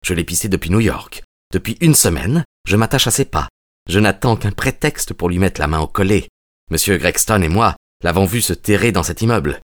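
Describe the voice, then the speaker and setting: A man's voice: deep voice, lively intonation, moderate pace, no room sound, clean studio sound. A man voicing an earnest young male detective in an audiobook, in a determined, earnest manner. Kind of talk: audiobook character reading.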